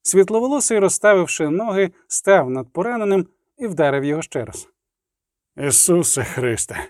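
A man's voice: high-pitched, expressive, a little fast, a little mellow, no echo. A man narrating an audiobook with a vivid, dramatic reading on a close studio mic.

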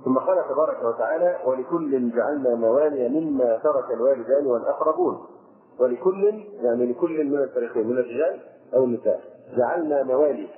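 Fast-talking male scholar, tinny recording. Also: mid-range voice. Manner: explains verses line by line with fillers. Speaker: Islamic scholar. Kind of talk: religious lesson on scripture.

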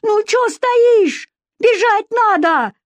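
Woman putting on shrill village women, yelling high and slow, blunt and pushy, dry close sound. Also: no echo. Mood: shrill shouting. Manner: shrill, drawn-out shouting. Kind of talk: audiobook narration.

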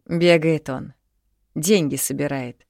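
A woman's voice: sits low, steady tone, takes it slowly, gravelly, a little mellow, dry recording, clean studio sound, full character voice. A woman voicing a terse, dismissive young man in an audiobook. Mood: grumbling. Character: young man, cool and curt.

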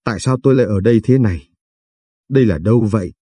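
A man's voice: on the low side, fast talker, warm tone, husky, dry recording. A man reading the lines of a frightened, confused old woman patient who pleads and stammers.

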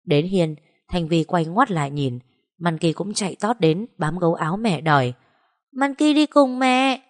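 A woman narrating a drama story in a steady, even way. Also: low voice, moderate pace.

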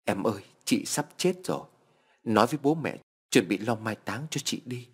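A man's voice: lowish voice, expressive, moderate pace, breathy edge. A man voicing a despairing young woman, the narrator's sister, speaking through sobs. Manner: sobbing, pleading.

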